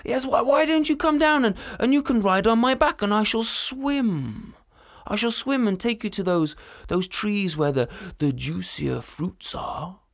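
A woman voicing a timid, hesitant male sea dragon who stammers softly. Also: mid-range voice, expressive, a little slow, pitched above the performer's own voice. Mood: coaxing.

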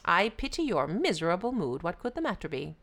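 A woman voicing a sly, cackling old male jackal who plays confused, with a high, giggly voice full of laughter. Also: big pitch swings, brisk, a bit bright, exaggerated voice. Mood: fake-puzzled. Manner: fake-confused, playful, sing-song.

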